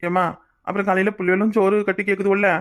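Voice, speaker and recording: A woman's voice: mid-range voice, flat delivery, quick pace, pitched below the performer's own voice, natural voice. A woman voicing a grown son in a cartoon, reasoning between his mother and wife with a Kanyakumari Tamil accent.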